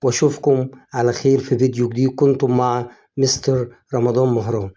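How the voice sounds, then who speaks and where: A man's voice: mid-range voice, little pitch movement, mellow. A man with an Egyptian Arabic accent teaching English phonics in an online lesson, coaxing, often prompting the viewer and drawing out the example words. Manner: drawn-out, slowed example words.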